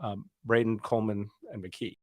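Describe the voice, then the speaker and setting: A man's voice: on the low side, little pitch movement, normal speed, dry recording. Chatty man from South Carolina, dry sound. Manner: chatty, storytelling with acted-out quotes. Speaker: guest. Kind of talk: casual interview chat.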